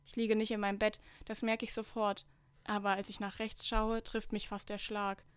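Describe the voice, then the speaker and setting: A woman's voice: medium pitch, level tone, normal speed, clear, resonant tone, no room sound. Young woman mockingly reading fanfiction. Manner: mocking, skips passages with "bla bla". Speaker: podcast co-host. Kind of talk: reading fanfiction aloud with commentary.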